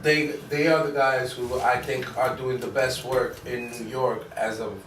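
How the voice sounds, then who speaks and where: A man, a comedian guest, answering questions in a casual podcast chat, halting with frequent ums and restarts. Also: mid-range voice, flat delivery, fairly bright tone. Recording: roomy, distant mic with faint noise.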